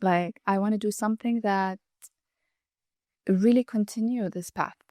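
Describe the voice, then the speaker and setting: A Saudi Arabian woman, a chef and food blogger, explains things earnestly and at length in an interview, often restarting her sentences. Her medium-pitched voice is steady, a little slow and a little mellow. The recording is clean studio sound with no echo.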